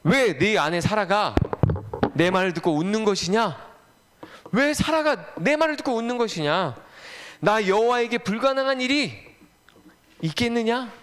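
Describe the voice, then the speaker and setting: A man voicing God as a stern, all-powerful male figure who asks slow, solemn questions in a children's Bible story. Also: high-pitched, expressive, a bit bright, a little hiss or hum.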